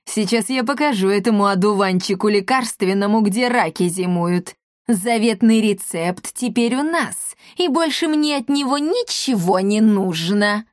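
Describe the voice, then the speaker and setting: A woman's voice: mid-range voice, a little slow, no room sound, studio quality, natural voice. A woman voicing a nasty, scheming old male apothecary who sneers and threatens in an audiobook. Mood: sneering.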